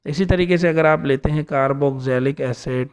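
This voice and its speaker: Man teaching chemistry, slightly high voice. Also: moderate pace, clean tone. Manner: explains step by step, often says "ठीक है". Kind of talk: classroom lecture.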